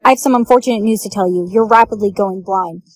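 A woman's voice: medium pitch, fast talker, no room sound. A young woman acting many roles in comedy skits, teasing and blunt. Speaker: skit co-actor.

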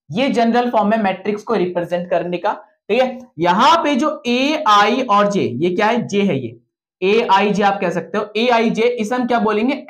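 A male teacher lecturing to his students. He keeps asking questions and then answering them himself, repeating each key point several times. He mixes English technical terms into his explanations. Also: high voice. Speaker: physics and maths teacher.

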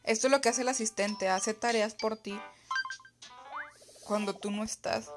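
Brief: young woman streamer, slightly high voice, chatty and excitable, music playing underneath. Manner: chatty, excitable, quick laughs. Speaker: streamer playing a mobile game. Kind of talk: casual live-stream chat.

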